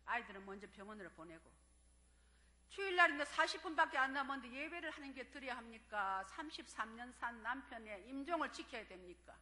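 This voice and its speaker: An older woman pastor preaches in a church, her bright, fairly high voice ringing through a long hall reverb. She tells her story in swings from soft, hushed lines to loud, emotional cries. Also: animated, fairly quick. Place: church sanctuary.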